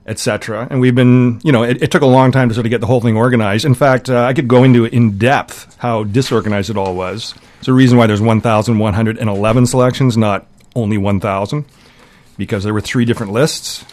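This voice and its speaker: Rambling man on the radio. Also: medium pitch. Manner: relaxed, rambling, halting with fillers. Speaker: radio guest, music countdown curator. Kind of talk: casual radio chat. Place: radio studio.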